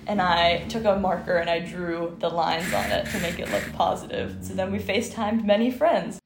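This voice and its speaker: A young woman student casually telling a lively anecdote, laughing as she goes. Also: medium pitch, echoey room, background noise. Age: young adult. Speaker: interviewed student. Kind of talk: casual storytelling.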